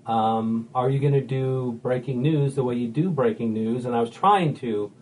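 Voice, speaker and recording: A man's voice: mid-range voice, normal speed, a little mellow, rough recording. A man co-hosting a comedic podcast, easygoing and a bit hesitant in his banter. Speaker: podcast co-host.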